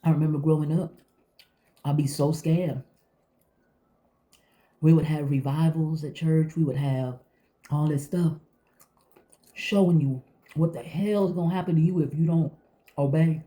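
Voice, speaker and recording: Very dark-voiced vlogger chatting over breakfast, mouth full. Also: medium pitch, fairly even intonation, unhurried, long pauses. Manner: talking with mouth full while eating; conversational, folksy, emphatic repetition, addresses listener as baby. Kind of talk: casual chat to viewers.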